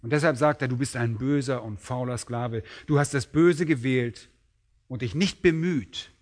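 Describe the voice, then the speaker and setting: A man preaching a sermon on a parable, emphatic and rising sharply in pitch when he acts out quoted lines. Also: moderate pace, a little mellow.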